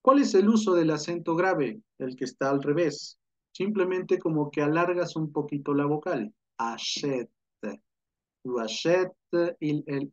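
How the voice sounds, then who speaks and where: Male language teacher, patient and questioning, raised pitch, muffled recording. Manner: patient explaining, checks in with rhetorical questions. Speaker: French teacher. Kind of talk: online language lesson. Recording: dull lo-fi sound.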